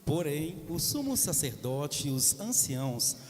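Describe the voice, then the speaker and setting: A man narrating the Passion Gospel in church, reading slowly and steadily. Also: on the high side, sing-song, a little mellow, slight background noise. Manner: slow, measured reading. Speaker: reader of the Passion. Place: large cathedral. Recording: echoey cathedral hall.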